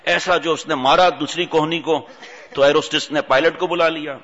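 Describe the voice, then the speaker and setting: A man giving a humorous religious sermon, telling stories and acting out the characters in an animated way. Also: a little high. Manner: animated storytelling, acts out voices. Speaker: preacher. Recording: dull audio in long-reverb hall.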